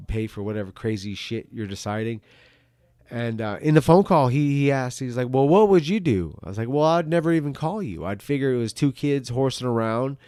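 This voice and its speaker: A middle-aged man in a casual, rambling monologue as a video host, halting and repeating words, with some casual swearing. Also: on the low side, a little mellow, clear, resonant tone, no echo. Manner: casually foul-mouthed. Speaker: video host answering viewer questions.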